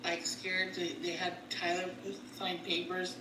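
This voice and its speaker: Woman caller, low flat voice, far off the mic in an echoey room with noise. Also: measured pace. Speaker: guest on a live call. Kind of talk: casual chat. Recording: distant echoey call with noise.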